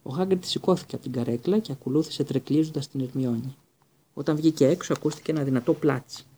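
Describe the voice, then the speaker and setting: A man's voice: medium pitch, mellow, slight background noise. A man narrating an audiobook steadily, with occasional stumbles.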